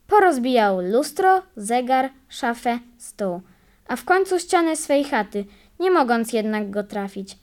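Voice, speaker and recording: A woman narrating a folk tale for an audiobook in a measured, expressive way. Her voice sits a little high. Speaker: audiobook reader. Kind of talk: storytelling narration.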